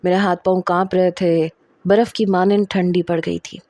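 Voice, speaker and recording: A woman's voice: on the low side, level tone, dark tone, dry recording. A woman narrating a romantic first-person story, reading in a dramatic, emotional way and acting out the dialogue.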